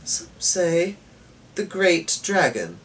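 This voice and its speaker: A man's voice: high-pitched, big pitch swings, very slow, fairly bright tone, a little hiss or hum, pitched above the performer's own voice, full character voice. A man voicing an affable but menacing little devil figure in a dramatic story reading, recorded from some distance from the mic. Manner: affable, threatening. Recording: voice far from the mic.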